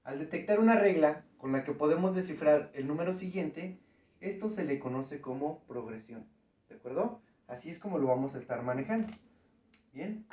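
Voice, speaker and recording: A man with a fairly high, darkish voice is recorded off-mic and at a distance in an echoey room. Standing at the board for a math lesson, he walks through the steps patiently and checks in with his students.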